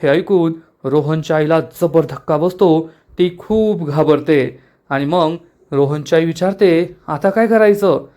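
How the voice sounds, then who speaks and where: Man, high voice, animated, dramatic storytelling recap. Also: a little slow. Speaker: TV serial recap narrator.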